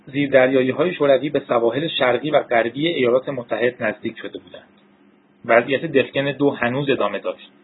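A man giving a steady, measured audiobook narration on a tinny narrow-band recording. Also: mid-range voice, husky. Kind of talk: scripted narration.

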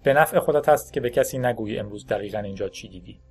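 A man voicing a calm male vampire gunman who speaks in quiet, flat, understated threats. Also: mid-range voice, breathy edge, soft background music, lightly acted. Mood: cold.

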